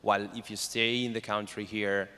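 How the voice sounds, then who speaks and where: A man's voice: lowish voice, level tone, moderate pace, bright, forceful tone, smooth. A man with an Italian accent, a native Italian speaker, answering as a startup founder on a panel, hesitantly searching for words. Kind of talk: informal spoken panel answer. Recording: reverberant hall.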